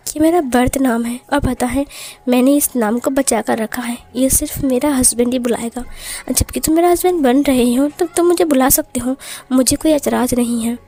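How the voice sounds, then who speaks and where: A woman's voice: high-pitched, normal speed, warm tone, soft background music. A woman voicing a cheerful, lovestruck young man who sweetly insists on his feelings.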